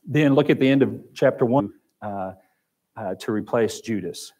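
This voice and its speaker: In a church classroom equipped with a projector screen, a man with an Oklahoma accent teaches a Sunday Bible lesson. He has a mellow, mid-range voice and a moderate pace, speaking conversationally and repeating phrases.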